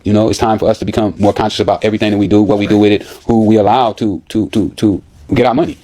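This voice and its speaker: A man talking on a podcast, halting and repeating words as he speaks. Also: on the low side, fairly even intonation, warm tone. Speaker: podcast guest. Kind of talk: casual podcast talk.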